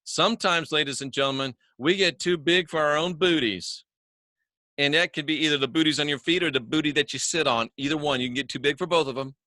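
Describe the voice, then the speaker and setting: A folksy man hosts a casual religious talk from his home studio, joking with viewers and repeating words for emphasis. His voice is bright and forceful, and the room sounds dry and close. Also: fairly high pitch, a little fast, dry recording. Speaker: online religious talk host. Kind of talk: casual spoken monologue to viewers. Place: home studio he calls the bunker.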